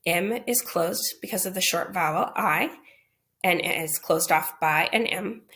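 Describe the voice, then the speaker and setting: A woman's voice: on the low side, unhurried, a bit bright. A woman answering teachers' questions in a recorded phonics lesson, explaining patiently and checking in with "okay?" and "right?".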